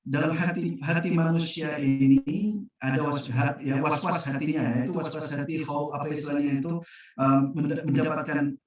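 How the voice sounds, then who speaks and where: A man giving an online Quran study talk as a religious teacher, speaking haltingly and often pausing to search for words. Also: fairly high pitch, fairly even intonation. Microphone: video call. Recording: echoey, distant, muffled video call.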